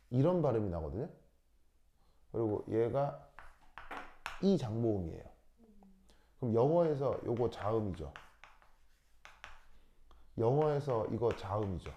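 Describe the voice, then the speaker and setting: A man teaching high school chemistry in a classroom lecture. His voice is warm and mellow, with lively pitch that rises and falls. He keeps stopping to ask whether students understand and has them repeat terms aloud. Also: dull audio, a little hiss or hum. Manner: checks understanding often, drills pronunciation with students.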